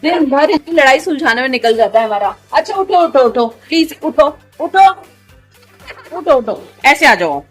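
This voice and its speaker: A high-voiced mother vlogs her day at home with her three young children, alternately coaxing them and scolding them with playful threats. Between the kids' squabbles she chats casually to the camera at a moderate pace with big pitch swings, as faint music plays underneath.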